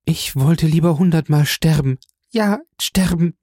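A gentle, frightened young noblewoman, voiced by a man reading an audiobook, pleading with a soft, breathy tremble. Her tone stays warm and mellow, never sharp. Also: fairly high pitch, unhurried, no room sound, clean studio sound, voice pushed up. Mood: resolute.

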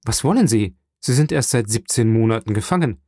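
A man voicing a measured, businesslike male prison inspector in an audiobook reading. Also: lowish voice, lively intonation, warm tone, no room sound, studio quality. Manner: matter-of-fact, businesslike.

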